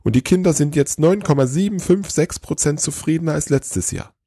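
A man voicing an eager, excited male head elf who gushes without pausing for breath. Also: fairly low pitch, slightly rough, no echo, studio quality, pitched above the performer's own voice. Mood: gushing. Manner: rushed, gushing, talks without pausing.

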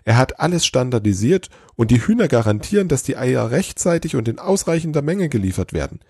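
A man voicing an excitable small male elf who rushes his words out in breathless eagerness, read as a storybook figure. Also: breathy edge, no room sound, studio quality. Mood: enthused. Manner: high, rushing, breathless eagerness. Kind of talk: storybook reading.

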